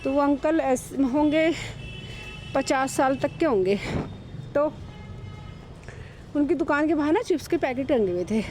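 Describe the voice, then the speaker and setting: A woman's voice: high-pitched, measured pace, pauses often. A woman in her thirties, a devotee, telling a personal story in a chatty, hesitant way with many fillers. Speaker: devotee sharing a testimony. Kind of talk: casual spoken testimony. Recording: faint background noise.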